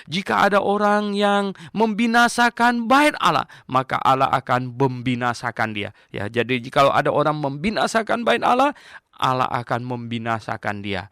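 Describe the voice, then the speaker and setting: An older man delivers a Bible teaching sermon with gravelly warmth. He hammers on repeated phrases and drops in small chuckles. The sound is close and dry. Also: medium pitch, moderate pace, dry recording. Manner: emphatic, animated, repeats key phrases; chuckles between points. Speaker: pastor.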